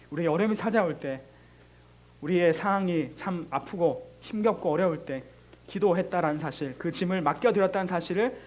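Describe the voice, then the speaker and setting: A middle-aged man preaching to a middle school youth group, earnest and repetitive, acting out pleading prayers as he speaks. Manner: earnest, repeats phrases, voices pleading prayers with rising pitch; leads the congregation in reading scripture slowly. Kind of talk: sermon.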